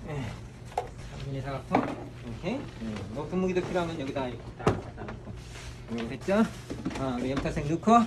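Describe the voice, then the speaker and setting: A barber instructor, a man, demonstrating in a classroom with a slightly higher voice. He keeps repeating short instructions and snaps corrections at students. Clear background noise runs under his voice. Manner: repetitive, directive, scolds students sharply. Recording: noisy room recording.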